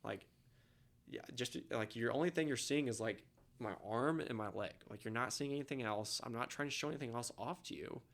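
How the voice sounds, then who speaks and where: A young man talking casually as a podcast guest, opinionated, often trailing off quietly at the end of a point. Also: mid-range voice, a little fast.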